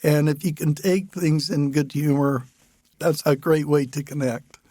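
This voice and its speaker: Older man, higher voice, relaxed podcast host. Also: a little slow, no echo. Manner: warm-humored, laughs easily, restarts phrases. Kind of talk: relaxed conversational interview.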